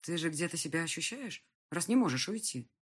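A woman's voice: low voice, sing-song, fairly quick, breathy edge, exaggerated voice. A woman voicing an injured young woman trapped in a pit, talking with pleading urgency. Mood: urgent.

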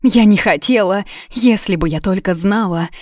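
A woman's voice: mid-range voice, normal speed, a little mellow, dry recording, clean studio sound, voice pushed up, lightly acted. A woman voicing an older village healer-witch who begs and sobs before a king, in a storybook reading. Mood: pleading. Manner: tearful, begging.

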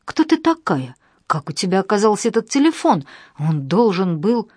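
A woman's voice: mid-range voice, very animated, moderate pace, a little mellow, slightly rough, no room sound, clean studio sound. Woman voicing a cold hissing male blackmailer. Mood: menacing. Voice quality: cold, unpleasant, soulless. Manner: hissing, threatening, rude.

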